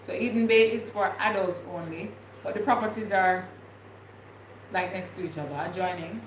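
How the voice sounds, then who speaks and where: This livestream features a young Jamaican-accented woman vlogger chatting casually, wandering through her thoughts aloud with many fillers. Her voice is medium-pitched at a moderate pace, and the echoey room carries clear background noise.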